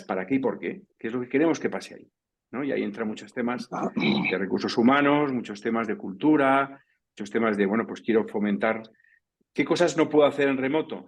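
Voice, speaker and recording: On a professional round-table panel, a man whose voice sits on the low side with a breathy edge rambles through his points. He keeps checking in with listeners, ending remarks with "¿no?" or "¿vale?".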